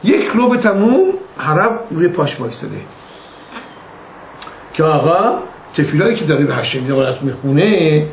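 Giving a relaxed religious lesson to a class, an older rabbi speaks conversationally, shares anecdotes and performs the quoted dialogue. His fairly high voice has big pitch swings and vocal fry, and the room is echoey with faint background noise.

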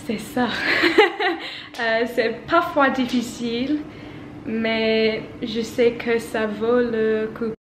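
Young english woman vlogging at home, slow careful talk, kinda high voice, echoey room w faint hiss. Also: flat delivery. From England. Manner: slow, careful speaking with frequent laughs. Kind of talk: casual vlog, learning French. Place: indoors at home, study.

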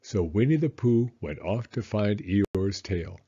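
A man reading a children's story aloud in an expressive, deliberate storytelling manner. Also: lowish voice, husky, highs cut off. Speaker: storybook reader.

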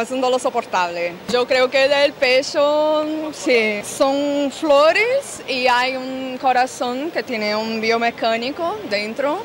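A woman's voice: a little high, fairly bright tone, slight background noise. Young Brazilian woman, tattoo artist, expo hall. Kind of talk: casual answers to an interviewer. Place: large indoor expo hall. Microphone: handheld interviewer mic.

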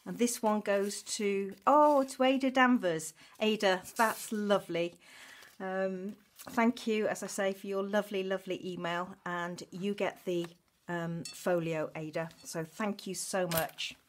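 A woman's voice: medium pitch, steady tone, a little slow, a little hiss or hum. A woman hosting a craft channel, chattily announcing giveaway prize winners in an informal, self-mocking and gushingly thankful way. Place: indoors at a craft table.

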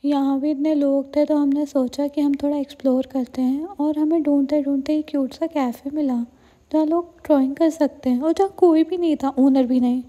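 A woman's voice: high-pitched, steady tone, normal speed, warm tone, highs cut off. A young woman narrating a travel vlog in voice-over, telling the story in a dry, wry way. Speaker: vlogger.

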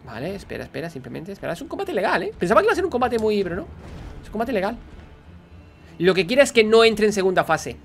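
A man with a Spanish accent from Spain hosts a gameplay reaction, chatting and explaining as he watches. His voice sits somewhat high for a man. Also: sing-song, fast, gravelly. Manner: chatty, explains and laughs along. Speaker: reaction host.

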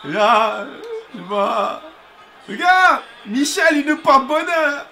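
A man giving live video game commentary with a very high, sharp, bright voice. He is excitable, breaking into loud outbursts and swearing. Music plays quietly behind him. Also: slow, creaky. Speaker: gaming streamer. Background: music playing.

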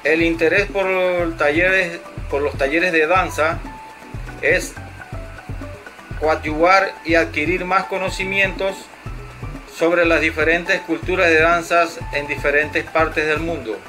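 A Panamanian man in his fifties, a university student, introduces himself very slowly with halting pauses. His voice is bright and somewhat high for a man, with soft music in the background. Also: fairly even intonation. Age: 50s. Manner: slow, halting delivery. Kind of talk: class video self-introduction.

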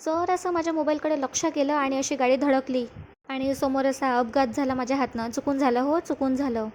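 A woman's voice: sits high, steady tone, fairly quick, darkish tone, slight background noise, lightly acted. A woman voicing a scheming middle-aged man, a father, who speaks in a fawning, mock-apologetic way. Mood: fake apologetic.

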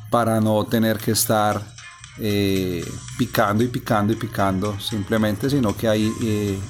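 A man's voice: on the low side, a little slow. Brief: male narrator, methodical gameplay voice-over, faint music behind. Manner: explains step by step, calm and methodical. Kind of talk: casual screen-recording walkthrough. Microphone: voice-over on a phone screen recording.

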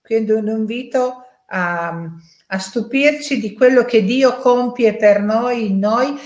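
An Italian woman sharing a casual, thoughtful reflection on scripture, hesitant with fillers and tag questions. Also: medium pitch. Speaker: parishioner sharing a Bible reflection. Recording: echoey room.

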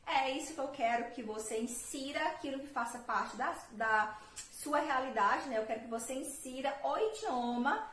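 Brazilian woman teacher, high-ish voice, slow drilling delivery, echoey room. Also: animated, fairly bright tone. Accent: Brazilian Portuguese. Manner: slow, patient drilling, repeating words for practice. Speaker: English teacher. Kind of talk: online language lesson.

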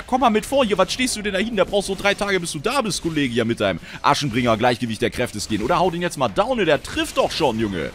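A young man giving excitable, frustrated live commentary on his own gameplay, often cursing at teammates. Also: fairly high pitch, a little hiss or hum. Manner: excitable, swearing, frustrated outbursts. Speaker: gaming commentator. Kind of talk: live Let's Play commentary.

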